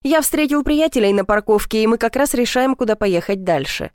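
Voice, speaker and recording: A woman's voice: on the high side, lively intonation, fairly quick, darkish tone, smooth, no room sound, natural voice. A woman voicing an easygoing young male friend on the phone in a dry audiobook reading, speaking in a light, upbeat tone. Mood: reassuring.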